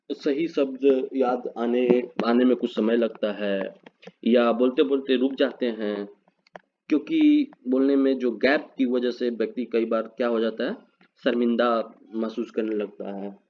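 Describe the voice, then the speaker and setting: A man's voice: mid-range voice, steady tone, measured pace, slight background noise. A man teaching a spoken English lesson, spelling words out letter by letter and answering his own questions. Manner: quizzes the viewer, then answers himself. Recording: dull lo-fi recording.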